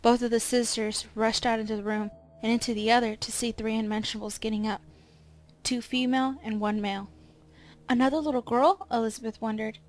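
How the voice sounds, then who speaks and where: A woman reading a scripted serial story aloud in a measured, slow, dramatic storytelling manner, with faint music behind her. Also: a little high, flat delivery. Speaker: narrator.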